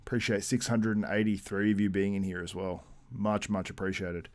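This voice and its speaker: A man's voice: on the low side, level tone, brisk, no echo. A man hosting a casual live-stream, chatting loosely and reading out viewer comments between laughs. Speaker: livestream host.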